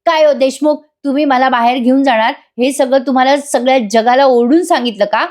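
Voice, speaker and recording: A woman's voice: high voice, fast, natural voice. A woman voicing an angry, hurt young wife who talks sharply and indignantly in a retold TV-serial scene.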